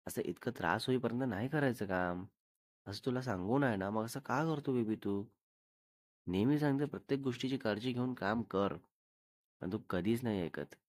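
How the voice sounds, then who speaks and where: A man's voice: medium pitch, normal speed, dry recording, lightly acted. A man voicing a bossy, caring young girlfriend. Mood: fussing. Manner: scolding, fussing.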